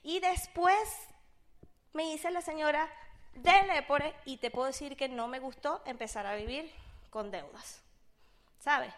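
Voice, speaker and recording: Woman, venezuelan accent, high voice, animated storyteller, acts out quoted voices. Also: measured pace, long pauses. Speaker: speaker sharing a personal business testimony. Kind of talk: casual storytelling to an audience.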